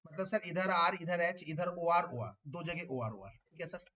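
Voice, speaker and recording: A man's voice: on the high side, animated, normal speed, bright, forceful tone, dull audio. A man teaching a chemistry class online, explaining step by step and repeating key terms, asking his students questions. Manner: addresses students as beta, asks them questions.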